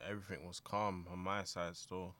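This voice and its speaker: A man's voice: deep voice, little pitch movement, normal speed, sharp tone, dry recording, soft background music. A young man with a London accent chatting casually in slangy roadman style as a podcast co-host.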